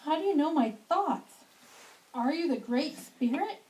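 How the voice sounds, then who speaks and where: A woman's voice: high-pitched, expressive, unhurried, darkish tone. A woman voicing a gullible, nervous sock puppet king in a goofy, over-dramatic way for an amateur show. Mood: awed, pleading. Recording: distant mic with faint noise.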